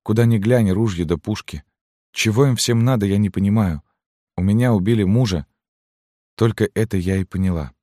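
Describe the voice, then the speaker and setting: A man's voice: on the low side, normal speed, warm tone, no room sound, clean studio sound, pitched above the performer's own voice, close to an everyday voice. A man voicing a weary, resigned peasant widow who speaks plainly.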